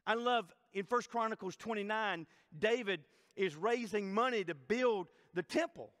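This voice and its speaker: A man's voice: sits high, normal speed, a bit bright. A middle-aged man preaching a sermon as pastor, emphatic and repetitive, asking the congregation questions. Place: church sanctuary. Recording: long church hall reverb.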